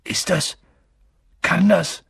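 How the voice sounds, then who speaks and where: A man voicing an excitable, bald old male innkeeper who gushes with reverence, in an audiobook reading. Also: sits high, very slow, creaky, slightly rough, no room sound, studio quality, voice pushed up, heavily acted. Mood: surprised. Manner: gushing, reverent.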